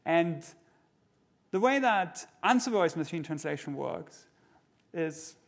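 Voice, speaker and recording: A man's voice: fairly high pitch, expressive, gravelly. Man giving a conference keynote on stage. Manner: explanatory, measured, with frequent fillers and restarts. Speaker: keynote speaker. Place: large conference hall stage.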